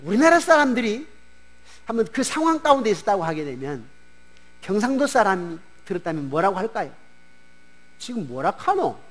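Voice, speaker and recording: A male pastor giving a Sunday sermon in a church, preaching in an animated way and acting out the voices of disciples and regional speakers. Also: high-pitched, a little fast. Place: church sanctuary.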